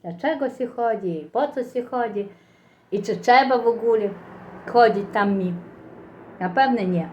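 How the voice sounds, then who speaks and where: A woman's voice: a little high, a little slow, pauses often, dull audio, slight background noise. A middle-aged or older woman with a Ukrainian accent and slurred, toothless articulation, chatting casually and folksily to viewers in a rambling eating vlog. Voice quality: slurred articulation from missing teeth.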